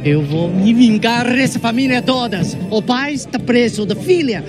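Vengeful crook in a comedy movie, very swingy voice, music behind. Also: male voice, very high voice, animated, moderate pace. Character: vengeful comic gangster in prison, menacing, theatrical. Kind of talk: Brazilian film comedy acting.

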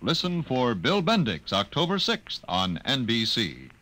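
A man announcing in a formal, measured 1950s radio style, heard from an old broadcast disc transcription. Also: mid-range voice, wildly swooping pitch, pushed and bright, a little hiss or hum.

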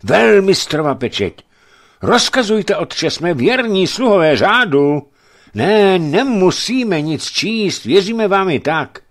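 A man's voice: high-pitched, big pitch swings, pitched above the performer's own voice. A man voicing a lanky, boastful drunk knight who hiccups and slurs his words. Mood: startled. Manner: hiccuping, slurred tipsy speech.

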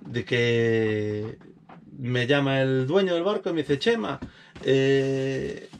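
A man telling his own life stories in casual chat, animated and acting out other people's voices. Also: mid-range voice, slow, a little hiss or hum.

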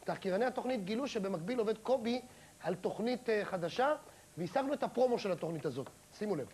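A man hosting a comedy talk show, briskly thanking guests and introducing segments. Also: high voice, expressive, a little mellow, husky, low-quality recording.

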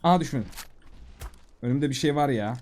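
A man giving casual, excitable commentary while playing a video game, talking to himself and the creatures on screen. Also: medium pitch, normal speed, a little hiss or hum. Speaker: gaming YouTuber.

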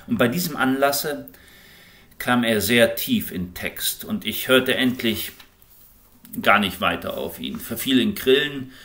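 A man reading an audiobook in an expressive, impassioned way. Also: medium pitch. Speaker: audiobook reader. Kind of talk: scripted audiobook narration.

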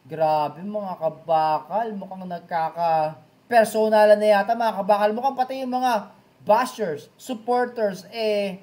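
A man's voice: high-pitched, measured pace, a little mellow. A man hosting a vlog, reading comments aloud and reacting with chatty, dramatic exclamations, peppering his lines with a nickname for his fans. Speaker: boxing news vlogger.

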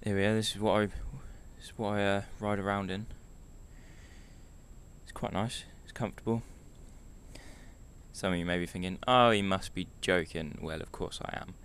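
A man's voice: lowish voice, steady tone, moderate pace, pauses often, fairly bright tone, clean tone. A hungover young man talking offhand and chattily, casually showing his kit as a motorcycle vlogger. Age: young adult. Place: small bedroom indoors.

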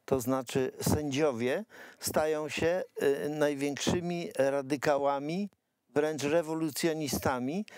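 A man's voice: fairly high pitch, a little mellow, no room sound. A man speaking as a guest in a studio political discussion, jumping in with ironic remarks. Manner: interjecting, ironic. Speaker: panel guest.

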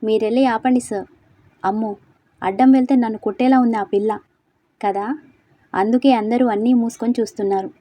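A woman's voice: fairly high pitch, steady tone, fairly quick, long pauses, warm tone, no echo, lightly acted. A woman voicing a wary, gossipy male lecturer in a storybook reading, explaining the campus scandal.

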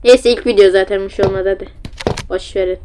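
A woman's voice: medium pitch, steady tone, quick pace, dark tone, a little hiss or hum. A woman with a Turkish accent giving casual, self-mocking commentary as she plays a horror game, talking into a facecam at home. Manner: chatty, self-mocking, easily flustered. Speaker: gamer playing a horror game. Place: at home, seated. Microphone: facecam with built-in mic.

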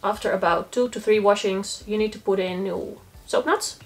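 An eco-living vlogger, a young woman, shows a laundry test on camera from the floor of a small laundry corner indoors. She talks at a moderate pace in a mid-range voice, casual and matter-of-fact, thinking out loud as she checks one item after another.

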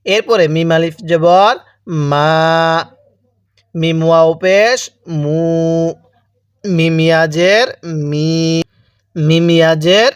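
A slightly high, smooth male voice moves slowly with long pauses, in studio quality without echo. He's a man with a Bangladeshi Bengali accent teaching Arabic letter reading, drilling syllables individually and repeating each for the learner in a slow recitation lesson.

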